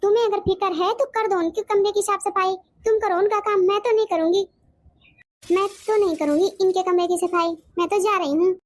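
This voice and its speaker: A woman's voice: very high-pitched, steady tone, fairly quick. A woman voicing a blunt, defiant elder daughter-in-law in a cartoon. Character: defiant sharp-tongued young daughter-in-law. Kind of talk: cartoon voice acting.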